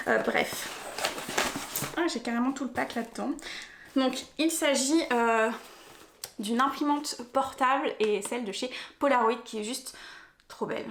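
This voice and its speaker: A young woman with a somewhat high voice chats at normal speed in a casual vlog about her book haul and an unboxing, rambling with plenty of fillers and restarts. She films at a rural home and later in a henhouse, and the audio is echoey with a little hiss or hum.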